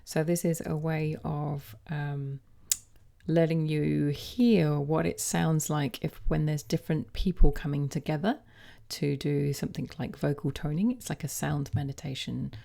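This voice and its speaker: Woman, low and mellow, easygoing teacher walking through a toning demo with soft hesitations. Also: measured pace, creaky. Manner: gentle, hesitant with frequent ums. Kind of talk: casual explanatory demonstration.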